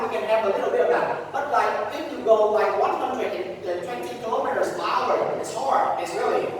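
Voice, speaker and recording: A young man with a Vietnamese accent giving an explanatory student thesis presentation. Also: very high-pitched. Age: young adult. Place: large echoing room indoors. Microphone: distant room microphone. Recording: very echoey hall, distant mic, faint noise.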